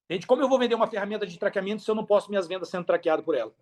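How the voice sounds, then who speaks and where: This high, racing, darkish-toned male voice belongs to a Brazilian affiliate marketer appearing as a podcast guest. He tells his story casually and expansively, full of slang, repeating himself for emphasis.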